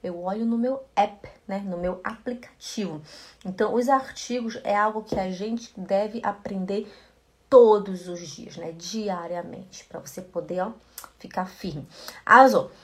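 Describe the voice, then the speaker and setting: A woman teaching a live-streamed German lesson from home, chatty, greeting viewers by name and slowly repeating words. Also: medium pitch. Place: at home in front of a computer. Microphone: computer camera mic.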